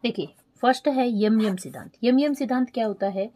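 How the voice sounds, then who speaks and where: A woman teacher, explaining an exam lesson slowly, repeating key terms and asking checking questions. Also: fairly high pitch, mellow. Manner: spells terms out letter by letter while writing. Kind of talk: online exam-prep lesson.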